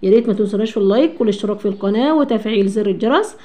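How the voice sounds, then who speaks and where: A female teacher with an Egyptian Arabic accent and a medium-pitched, dark voice leads a grammar lesson for children. She poses questions, answers them herself, and slows down to spell words out.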